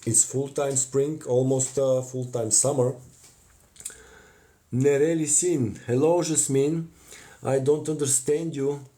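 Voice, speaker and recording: A man in his thirties from Bulgaria, with a Bulgarian accent, chatting casually with viewers on a phone live stream while he paints at a home craft table, often pausing with "uh". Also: mid-range voice, fairly even intonation. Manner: chatty, warm thanks to viewers, frequent "uh" pauses. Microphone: phone camera close in front.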